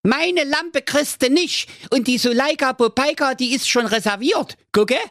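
Aladdin, a man's squeaky brash voice. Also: a little slow, a bit bright, dry recording, clean studio sound, full character voice. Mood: defiant. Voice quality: squeaky, shrill put-on voice. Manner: brash, cursing, indignant. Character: cheeky whiny young fairy-tale man Aladdin.

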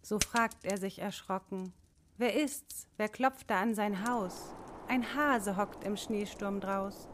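A woman narrating a rhymed children's storybook in a measured, sing-song way. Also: mid-range voice, fairly bright tone, slight background noise.

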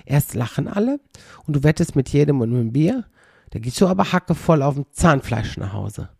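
A man with a slightly high, gravelly and husky voice rambles through a casual podcast monologue. He is wry and keeps imitating other people's pronunciations. The recording is dry and close. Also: very animated, normal speed, darkish tone, no room sound. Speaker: podcast host.

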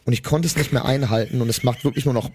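A man's voice: medium pitch, steady tone, racing, darkish tone, a little hiss or hum. A young man co-hosting a podcast, telling a travel story in casual slang and acting out the people he quotes. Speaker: podcast co-host.

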